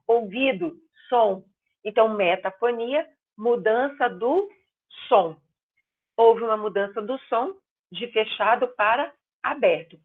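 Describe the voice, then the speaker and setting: A woman teaching a grammar class online, explaining patiently and stressing example words loudly. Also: a little high. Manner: explains slowly, stretching and exaggerating words as examples. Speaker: Portuguese teacher. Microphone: video call. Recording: tinny phone-line sound.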